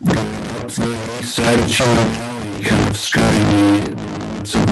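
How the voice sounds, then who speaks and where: Low flat voice, meeting chair on a call, audio all glitchy and dropping out, lots of ums. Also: male voice, creaky, loud music behind the voice, rough recording. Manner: halting, with many fillers. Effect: glitchy cutting-out audio. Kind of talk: public meeting discussion over a call. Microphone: remote call connection.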